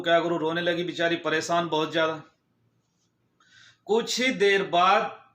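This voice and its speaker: High-voiced man telling a moral story. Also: a bit bright. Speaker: storyteller vlogger. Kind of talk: casual moral story narration. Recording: echoey room.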